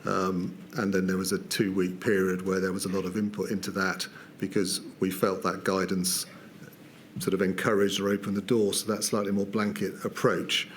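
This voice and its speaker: A man's voice: deep voice, little pitch movement, moderate pace, slight background noise. A British man giving formal testimony at a public inquiry, hesitant, with many fillers and restarts.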